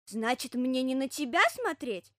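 A woman voicing a naive, playful little male bear cub in a storybook reading, eager and excitable. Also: measured pace, no room sound, clean studio sound. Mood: agreeable. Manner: eager, excitable, high and bright.

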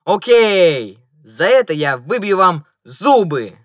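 A man reading an audiobook and voicing a loud, quarrelsome gentleman in a grey top hat who keeps demanding answers. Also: on the high side, lively intonation, a little slow, no echo, studio quality, pitched above the performer's own voice. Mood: indignant shouting. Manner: shouting, indignant, insistent questioning.

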